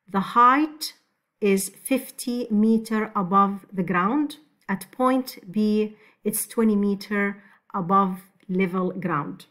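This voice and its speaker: In a slightly bright, mid-range voice, a woman teaches physics over a screen recording. She works through exam problems slowly and step by step, often restarting her explanations.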